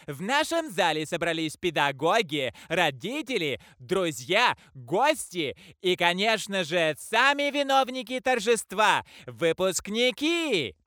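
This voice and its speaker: A male ceremony announcer with a high, bright voice that swings widely in pitch. He declaims slowly and festively, stretching each phrase. The sound is dry and close. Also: no echo.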